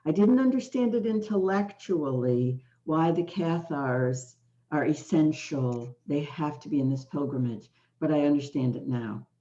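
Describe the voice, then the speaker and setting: An American woman hosts an interview podcast, her low, dark voice rising and falling with lively intonation. She speaks slowly and deliberately, pressing her points with passion and strong emphasis. The recording sounds dull and lo-fi.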